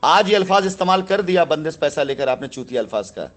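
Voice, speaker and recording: On a recorded phone call, a man acts as a company boss mediating a dispute, speaking with authority and often cutting in and repeating himself. His voice is on the high side and a bit bright, fast, with lively intonation.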